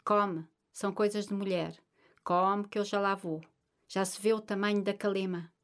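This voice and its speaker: A woman voicing an older grandmother who speaks in a measured, soothing way and turns firm when she gives orders. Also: medium pitch, fairly even intonation, natural voice. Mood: gentle.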